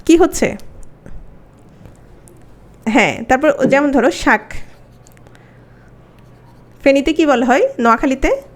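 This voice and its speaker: A woman's voice: high-pitched, slow pace, long pauses. A woman teacher, giving an exam-prep grammar lesson and asking her students questions as she explains.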